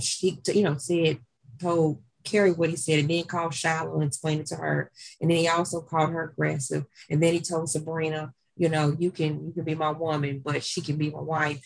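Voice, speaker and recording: A woman co-hosting a casual chat about a reality dating show, thinking out loud in long rambling explanations. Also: low voice, rough recording.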